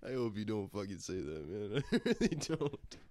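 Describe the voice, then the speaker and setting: Animated young man, swearing a lot. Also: fairly low pitch, normal speed. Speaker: podcast co-host. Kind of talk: casual chat.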